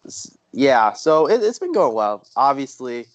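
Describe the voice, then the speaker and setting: A man's voice: mid-range voice, big pitch swings, measured pace, no room sound, highs cut off. Chatty man, dry close sound. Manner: chatty, upbeat banter. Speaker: podcast co-host. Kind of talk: casual chat.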